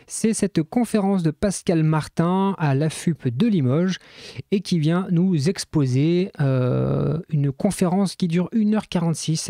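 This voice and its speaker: A man's voice: on the high side, warm tone, dry recording, clean studio sound. A man presenting a weekly web development news roundup in a casual, chatty way, with frequent hesitations and fillers.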